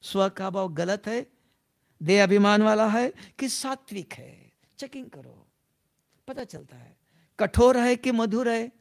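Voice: mid-range voice, slow pace. A spiritual teacher giving a devotional class talk, repeating points and often putting questions to the listeners. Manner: repetitive, keeps asking the listeners questions.

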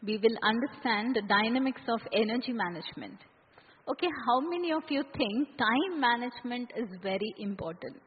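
A woman's voice: on the high side, lively intonation, normal speed, slight background noise. Indian accent lady running a seminar, keeps asking the group questions, tinny phone-like sound in a big echoey hall. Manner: engages listeners with frequent check questions. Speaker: workshop trainer. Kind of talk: interactive seminar teaching. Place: large echoey indoor room.

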